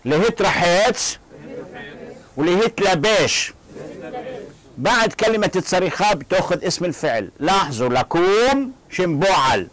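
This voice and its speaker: A man with a fairly high voice leads a classroom language lesson. He drills short phrases slowly and has his students repeat them. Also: expressive, fairly bright tone, low-quality recording. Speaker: language teacher. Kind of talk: classroom lecture.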